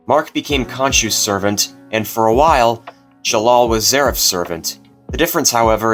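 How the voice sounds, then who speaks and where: A man with a mid-pitched voice delivers casual scripted commentary as a video host. Faint music plays behind him. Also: fairly bright tone.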